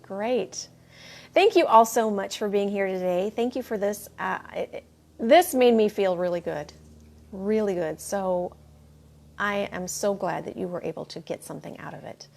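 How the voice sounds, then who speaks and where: Gushing spiritual host reading live comments. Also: female voice, medium pitch, moderate pace, vocal fry, darkish tone. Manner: gushing, repeats thanks over and over; reads viewer comments aloud and answers them. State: clearing her throat now and then. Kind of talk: live chat after a meditation.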